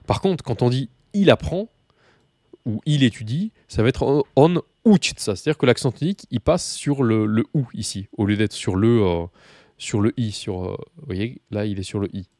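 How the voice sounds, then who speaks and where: A man's voice: on the low side, normal speed, mellow, no echo, clean studio sound. Chatty French-speaking man teaching Russian. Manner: chatty, many fillers and asides, addresses learners directly. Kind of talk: casual video lesson.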